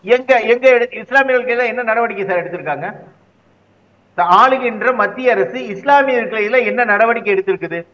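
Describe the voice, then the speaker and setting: A man's voice: very high-pitched, fairly quick, a bit bright. Man, political guest, argumentative, rhetorical questions, dull lo-fi sound. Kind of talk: heated political interview.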